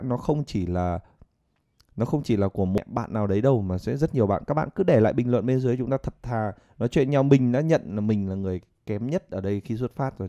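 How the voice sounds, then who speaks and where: A man from Vietnam gives a casual online English lesson, coaxing and lively, slowing down to model English words. His voice is mellow and dark, recorded dry and close with a slightly dull, lo-fi sound. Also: fairly low pitch, dry recording. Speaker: English teacher.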